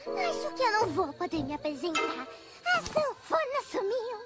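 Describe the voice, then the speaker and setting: Cartoon rag-doll girl: very high, excitable, flighty and boastful, loud music underneath. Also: moderate pace. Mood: nervous, denying. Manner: dramatic, flighty, exclamatory. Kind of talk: children's cartoon acting.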